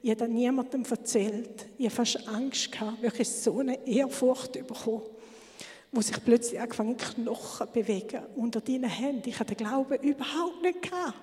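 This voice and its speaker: A woman giving a fervent church testimony, sometimes dropping to a hushed whisper for emphasis. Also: fairly high pitch, moderate pace. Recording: long hall reverb.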